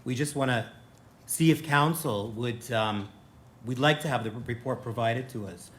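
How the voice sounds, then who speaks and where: A man's voice: mid-range voice, moderate pace, fairly bright tone. Male councillor, mid voice, plainspoken and earnest at the meeting. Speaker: town councillor.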